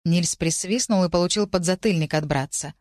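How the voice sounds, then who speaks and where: Low-voiced woman narrating a story. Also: brisk, a little mellow, dry recording, studio quality. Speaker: audiobook narrator. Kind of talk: scripted first-person narration.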